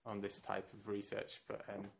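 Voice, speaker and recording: Gravelly, hesitant man. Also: fairly low pitch, monotone, slight background noise. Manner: hesitant, halting, full of fillers. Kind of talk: casual film chat.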